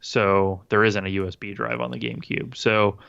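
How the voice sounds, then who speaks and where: A man's voice: on the low side, flat delivery, normal speed, creaky, a bit bright, clear, resonant tone, highs cut off. A man co-hosting a casual gaming podcast, rambling and swearing, with lots of fillers and restarts. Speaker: podcast co-host.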